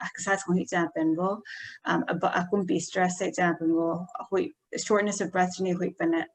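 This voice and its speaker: A woman giving an informal health talk, explaining slowly and hesitantly, dropping in English medical terms. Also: fairly low pitch, flat delivery.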